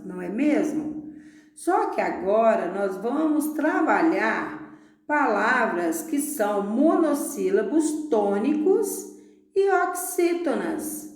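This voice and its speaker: A woman teacher with a Brazilian Portuguese accent, talking slowly and encouragingly to pupils in a recorded lesson. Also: a little high, darkish tone. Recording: echoey room.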